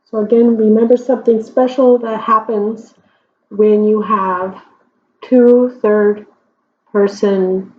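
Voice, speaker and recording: Patient language teacher, woman, drawn-out pacing, frequent "okay?" check-ins. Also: mid-range voice, steady tone, slight background noise. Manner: slow, deliberate explanations with frequent check-ins. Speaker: Spanish teacher. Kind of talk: whiteboard grammar lesson. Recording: dull lo-fi recording.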